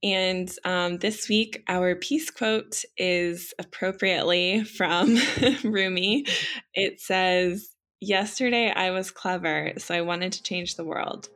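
A woman's voice: lowish voice, takes it slowly, fairly bright tone. A woman hosting a podcast interview, friendly, with fillers. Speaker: podcast host.

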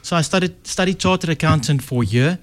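Here a fairly high-pitched male voice moves a little fast. The speaker, a middle-aged Afrikaans South African success strategist, is a guest in a relaxed interview, recounting his story reflectively and chattily, with self-corrections along the way.

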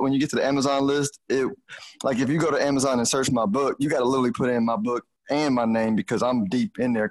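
A man with a mid-range voice and a Houston, Texas accent chats casually as a podcast host and financial advisor. His talk is colloquial and full of "you know," and the recording quality is low.

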